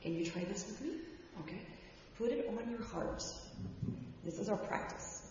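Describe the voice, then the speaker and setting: A woman giving the children's message in church, gently asking the kids questions and leading them through gestures. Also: medium pitch, lively intonation, normal speed, a little hiss or hum. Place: church sanctuary. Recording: echoey hall from far off, dull.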